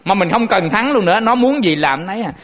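A man with a Southern Vietnamese accent gives a Buddhist sermon in a high voice. He tells stories and keeps turning to speak to his listeners. His voice rings out in a hall with long reverb. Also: animated, fast talker, fairly bright tone. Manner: storytelling, addresses listeners often. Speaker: Buddhist monk.

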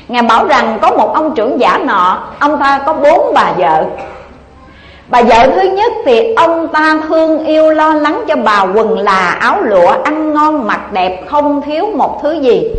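High-voiced Buddhist preacher woman in an echoey hall. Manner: addresses listeners often, asking them rhetorical questions. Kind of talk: Buddhist dharma talk, storytelling.

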